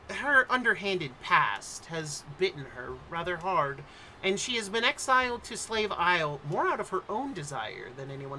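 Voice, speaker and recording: Bright-voiced male game master. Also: high voice, a little hiss or hum, low-quality recording. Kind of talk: introducing and narrating a tabletop game.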